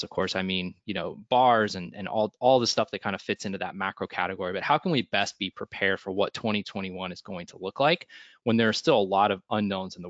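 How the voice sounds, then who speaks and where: A man's voice: lowish voice, fairly bright tone, dry recording, dull audio. A man presenting a business webinar in a casual, conversational way, full of ums and restarts.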